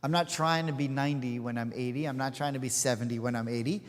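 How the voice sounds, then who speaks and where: Here a rabbi in his forties talks quickly in a steady, mid-range voice while leading a chatty, meandering study session full of asides and filler. The setting is a synagogue hall, and its long reverb is audible throughout.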